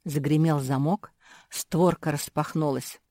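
A woman narrating a children's audiobook in a calm, measured storytelling manner. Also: low-pitched, dry recording, clean studio sound.

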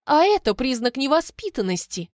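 A harsh, domineering maidservant snaps her orders in slow, heavy words, as a woman narrator puts her on. Her voice leaps around in pitch, and it is recorded close and dry for an audiobook. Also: big pitch swings, darkish tone, dry recording. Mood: scornful. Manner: commanding, slow and emphatic. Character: stern bossy female servant, scornful. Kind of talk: audiobook reading.

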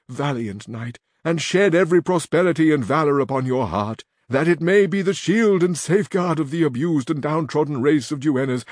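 A man's voice: fairly high pitch, no echo, studio quality, close to an everyday voice. A man reading aloud and voicing a distressed noblewoman with florid, lamenting speech.

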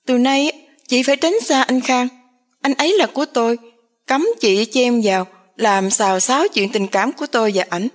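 A woman's voice: medium pitch, normal speed, natural voice. A woman voicing a spiteful, jealous young woman. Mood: taunting. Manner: spiteful, taunting.

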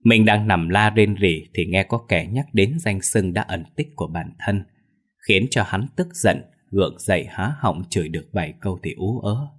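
A man reading a ghost story aloud in a steady, measured storyteller voice. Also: low-pitched, slightly rough. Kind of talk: scripted ghost story narration.

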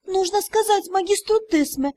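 A woman doing a flustered young heroine, high. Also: moderate pace, warm tone. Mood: indignant. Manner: pleading, indignant. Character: flustered young female magic student, tearful, indignant.

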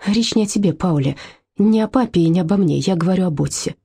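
An anxious, loving mother, as a woman reader voices her, tender and pleading with her sons. Her voice is low and mellow, slightly husky, and heard dry and close. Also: fast talker, no echo.

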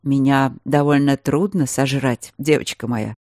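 A woman reading an audiobook, voicing a calm, teasing male mage who lectures patiently. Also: rumbling low, unhurried, dry recording, clean studio sound, heavily acted. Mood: quiet teasing. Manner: patient, gently mocking, lecturing.

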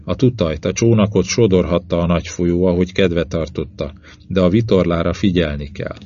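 A man reading a novel aloud in the first person, with measured, even pacing in short phrases. His voice is very deep. The recording is dull and lo-fi. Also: slight background noise. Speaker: audiobook narrator.

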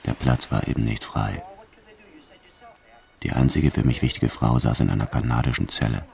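This actor's heavily acted voice is rumbling low, creaky and a little mellow, with fairly even intonation at normal speed. Voicing a reckless, hardened French bank robber in first-person radio drama narration, he recounts his tale in a cold, hard, boastful, matter-of-fact manner.

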